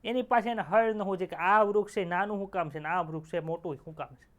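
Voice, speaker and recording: A man's voice: sits high, fast talker, a bit bright. A young male teacher, giving an online exam-prep lecture in a chatty way, telling jokes and quizzing students with rhetorical questions.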